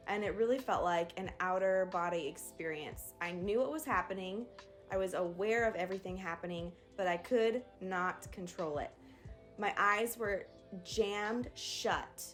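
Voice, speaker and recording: A woman's voice: mid-range voice, a little slow, faint music behind. A young woman vlogger candidly retelling a birth story in a casual storytime. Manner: candid, animated retelling with acted quotes.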